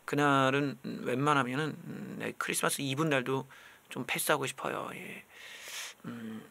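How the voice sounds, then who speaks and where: A man's voice: mid-range voice, moderate pace, creaky, sharp tone. A man live streaming, telling casual comic stories in a sardonic way and acting out voices.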